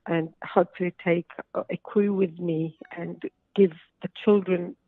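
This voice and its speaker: Calling in from her home in Lebanon, an author speaks earnestly in a lowish, steady voice at a measured pace, pausing on hesitant fillers. The tinny, dry phone line carries no room sound.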